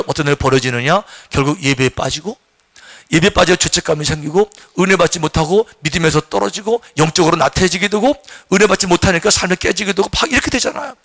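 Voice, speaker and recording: Male pastor, high bright voice, lively sermon delivery with call-and-response. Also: fast talker.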